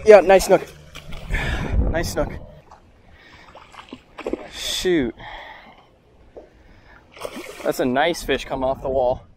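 A man's voice: fairly high pitch, slow. A young man vlogging a fishing trip from a small boat, chatting and cheering in slang, recorded on a hat-mounted action camera. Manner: excited, slangy, shouting at the fish. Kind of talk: casual fishing vlog chat. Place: small open boat on the water, outdoors. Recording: wind and water noise on a boat.

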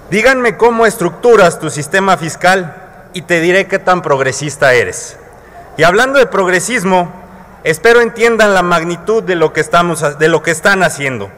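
Mexican guy in his 30s at the podium, high-ish voice, lots of rhetorical questions, big hall reverb. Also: fairly bright tone. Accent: Mexican Spanish. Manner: colloquial, rhetorical questions to colleagues. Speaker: legislator. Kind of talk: parliamentary floor speech. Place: large legislative chamber, indoors. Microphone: podium microphone. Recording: long reverb of a large hall.

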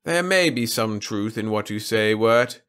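A man voicing a haughty male alien emperor who speaks in a slow, commanding manner. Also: fairly low pitch, animated, a bit bright, clean tone. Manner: haughty, commanding, drawn-out delivery.

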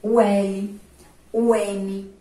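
A woman teacher from Sergipe in Brazil with a Sergipe accent, giving a remote literacy lesson to young children, slow and patient, praising answers and drawing out syllables. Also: medium pitch, little pitch movement, mellow. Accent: Sergipe Brazilian Portuguese. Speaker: primary school teacher. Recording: echoey room, voice from a distance.

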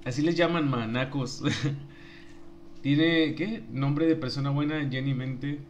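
A man's voice: medium pitch, fairly even intonation, slow pace, muffled recording, a little hiss or hum. A young man with a Mexican accent, a streamer joking and laughing as he reads his chat aloud. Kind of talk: casual live-stream chat.

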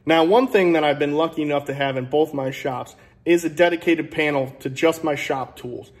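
Man, 30s, slightly high voice, folksy how-to talk, roomy workshop sound. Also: moderate pace. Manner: folksy, practical, joking asides. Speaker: woodworking channel host. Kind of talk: casual how-to demonstration. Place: home woodworking shop, indoors. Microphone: camera-mounted, filmed at arm's length and from a tripod. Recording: echoey shop room.

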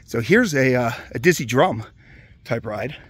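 A man from the Hershey area of Pennsylvania walking through a closed amusement park outdoors, giving relaxed, casual commentary with many "uh"s into a handheld camera. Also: mid-range voice, measured pace, slightly rough. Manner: relaxed, chatty, many "uh" fillers. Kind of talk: casual walk-around commentary.

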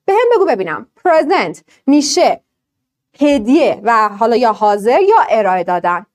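A woman teaching an online English class, explaining pronunciation to students in a lively way and asking them questions. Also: fairly high pitch.

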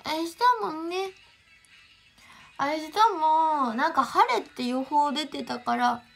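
A young woman with a Kansai accent chats to her livestream viewers from home. She talks in a high, bright-toned voice, giggling between stories. Faint music plays quietly behind her. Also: takes it slowly, vocal fry. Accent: Kansai Japanese. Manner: giggly, chatty, answers chat greetings. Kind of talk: casual livestream chat.

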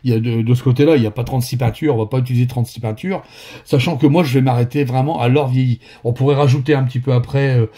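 The voice belongs to a man from northern France, Ch'ti accent and all, chatting casually through how to paint with many fillers and restarts in a friendly, meandering way. He talks at a racing speed, his medium-pitched voice warm and steady in tone.

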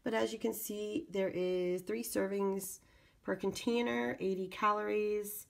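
A woman hosting a casual unboxing video, with a raspy voice congested from a cold, pausing as she reads and comments. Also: medium pitch, fairly even intonation. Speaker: video channel host. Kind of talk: casual product unboxing narration.

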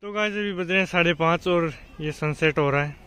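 A man's voice: on the high side, a little fast, fairly bright tone, clean tone. A man filming a casual family vlog on a handheld phone, playfully quizzing and teasing young children. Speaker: family vlogger.

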